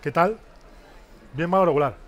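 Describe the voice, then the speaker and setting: On a stage in a large exhibition hall, a thirties-aged man leads a hands-on business workshop at a moderate pace, his voice sitting on the high side. He talks into a headset microphone and energetically questions the audience, leaning on plenty of tag questions.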